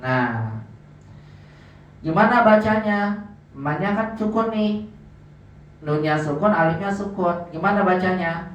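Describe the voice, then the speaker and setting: Slow, echoey man teaching. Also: sits high, a bit bright. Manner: asks the class questions and answers them himself. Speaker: Arabic grammar teacher. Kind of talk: classroom lesson. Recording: echoey, dull, from far off.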